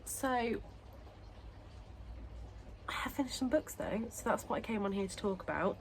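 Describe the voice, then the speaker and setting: A woman's voice: a little high, animated, vocal fry, slight background noise, low-quality recording. A woman vlogger talking casually about books, short of breath and ill. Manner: chatty, pauses to catch breath. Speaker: book vlogger. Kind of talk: casual chat to camera.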